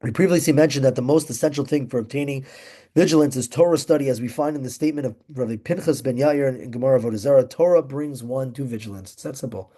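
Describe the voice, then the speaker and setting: A young man teaching an informal Torah class, emphatic and excitable, rambling between points. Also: medium pitch, fast talker.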